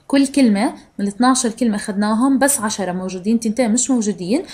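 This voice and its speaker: Woman teaching English slowly. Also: on the high side, darkish tone, a little hiss or hum. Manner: slow, drawn-out English words, fast Arabic explanations. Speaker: sixth-grade English teacher. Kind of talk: recorded online lesson.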